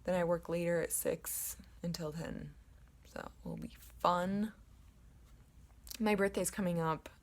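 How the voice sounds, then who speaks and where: Young woman rambling to her camera at home, low-ish voice, lots of ums. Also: unhurried. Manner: chatty, rambling with many ums and restarts. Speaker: vlogger. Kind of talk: casual chat to camera. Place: at home, indoors in her apartment. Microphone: camera in front of her.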